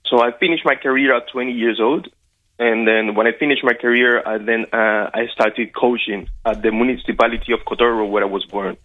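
A Cuban wrestling coach, speaking Spanish with a Cuban accent, is a guest in a casual interview over a call. He talks briskly in a steady, medium-pitched voice but hesitates, with many fillers and restarts. The line sounds tinny and phone-like.

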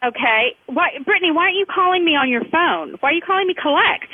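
A mother heard over a telephone line, exasperated and quick to anger, constantly interrupting. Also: very high voice, animated, no room sound. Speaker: mother taking a prank collect call. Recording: tinny noisy phone line.

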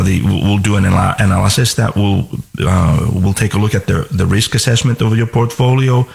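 A man's voice: lowish voice, vocal fry, darkish tone. A middle-aged man from Finland, a financial advisor hosting a radio show, talking casually with many fillers and repeated words.

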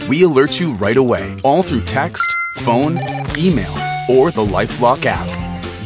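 A man giving a steady, reassuring scripted ad read. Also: medium pitch. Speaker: ad voice-over.

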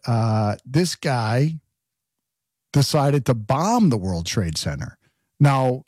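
Brief: male talk radio host, husky mid-pitched voice, sarcastic and chatty, dry close sound. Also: darkish tone, no echo. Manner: conversational and sarcastic, asks listeners questions. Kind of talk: political talk radio commentary.

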